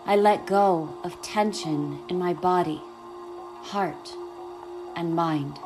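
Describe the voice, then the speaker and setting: A woman guiding a meditation in a soft, soothing manner, speaking slowly and gently. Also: lowish voice, music in the background. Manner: soft, slow, soothing delivery. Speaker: podcast host and meditation guide. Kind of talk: guided meditation.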